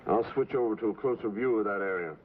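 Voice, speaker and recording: A man's voice: lowish voice, fast talker, heavy background noise, close to an everyday voice. An actor playing a genial professor and uncle, speaking informally as he explains, in a 1950s TV sci-fi drama. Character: genial adult male professor, boy's uncle. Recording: tinny 1950s TV soundtrack with music.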